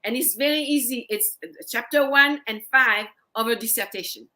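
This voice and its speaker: A woman guest on a talk show, speaking earnestly and gently in casual conversation and often repeating her phrases. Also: a little high, moderate pace. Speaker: guest psychologist. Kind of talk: casual interview chat.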